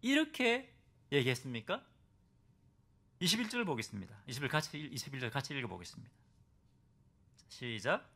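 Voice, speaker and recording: A man's voice: mid-range voice, very animated, normal speed, gravelly, long pauses, pushed and bright. A male pastor preaching a Sunday sermon at a church service. He keeps asking the congregation rhetorical questions and acts out the voices of biblical figures.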